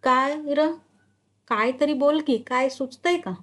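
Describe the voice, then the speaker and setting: A woman's voice: high voice, slow pace, fairly bright tone. A woman reading a story, voicing a brash, scheming village man who talks bluntly in rustic dialect. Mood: blunt, pushy. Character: brash scheming rural male crony, loud.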